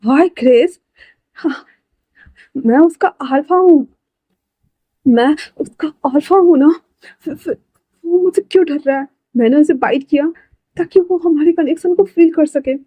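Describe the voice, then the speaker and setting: A woman's voice: high voice, normal speed, breathy edge, no echo. Woman playing a possessive stammering young alpha. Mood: anguished insistence. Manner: stammering, insistent, then soft and coaxing.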